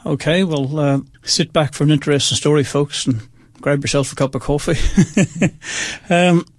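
On a clean, echo-free studio recording, a fairly high-voiced man from Northern Ireland, now in his sixties, recounts his own life as a radio guest. His intonation stays fairly even and his pace measured as he chats earnestly and addresses the audience directly.

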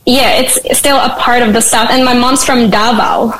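Bubbly young Filipino woman, high-voiced. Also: steady tone, moderate pace, a bit bright, low-quality recording. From Philippines. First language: Tagalog. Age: 20s. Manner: bubbly, laughs often. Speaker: interview guest. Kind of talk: casual interview.

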